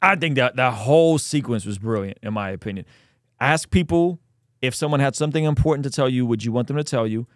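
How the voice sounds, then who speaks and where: A man's voice: medium pitch, brisk, no echo, clean studio sound. A man giving casual, emphatic reaction commentary as a host, often repeating himself for stress. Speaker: host commenting on a video clip.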